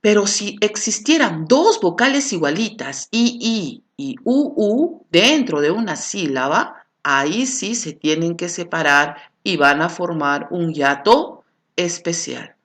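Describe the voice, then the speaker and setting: Woman teacher, slow and patient, bright tone, asks the class rhetorical questions. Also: on the low side, animated. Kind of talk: grammar lesson.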